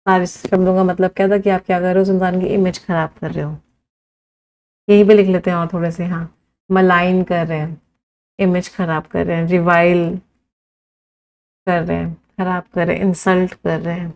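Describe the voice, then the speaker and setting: A woman teaching an English vocabulary class. She lists words one by one, drawing each out slowly for students to write down, counts them aloud and answers students' suggestions. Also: fairly low pitch, level tone, darkish tone, rough recording. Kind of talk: live exam-prep vocabulary lesson.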